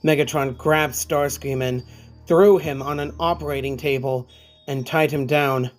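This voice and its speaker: A man's voice: a little high, steady tone, a little slow. A man reading a scripted creepypasta as narrator, with music playing behind him. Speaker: horror story narrator. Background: background music.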